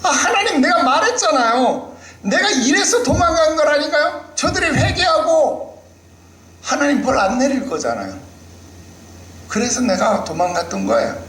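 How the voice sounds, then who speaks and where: A man's voice: very high voice, lively intonation, normal speed, a bit bright, echoey room, pitched above the performer's own voice, full character voice, rough recording. A male preacher voicing an angry, exasperated prophet who whines his complaint to God. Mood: indignant.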